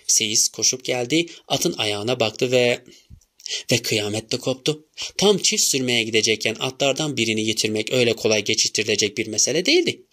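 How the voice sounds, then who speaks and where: A man narrating a novel as an audiobook in a measured storytelling manner. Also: mid-range voice, pushed and bright.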